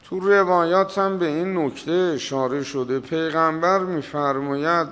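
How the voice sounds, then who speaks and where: A man preaching a religious sermon, slow and emphatic, drawing out the words he stresses. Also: fairly high pitch, a bit bright, smooth, long reverb tail. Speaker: cleric.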